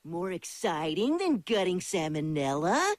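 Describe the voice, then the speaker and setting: A woman's voice: on the low side, sing-song, a little slow, heavy background noise. An actress voicing an eager, boisterous young cartoon boy who talks in a blunt, enthusiastic way. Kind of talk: animated cartoon acting. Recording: music behind the dialogue.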